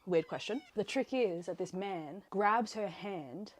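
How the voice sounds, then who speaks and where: In an unhurried, mid-range voice, an Australian woman talks about a book in a casual chat. She is a book vlogger, folding away clothes in her bedroom and rambling with many fillers.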